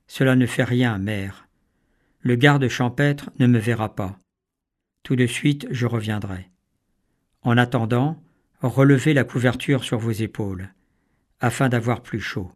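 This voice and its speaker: A man's voice: mid-range voice, measured pace, long pauses, close to an everyday voice. A man voicing a poor, brave and dutiful peasant boy who speaks earnestly and resolutely in a storybook reading.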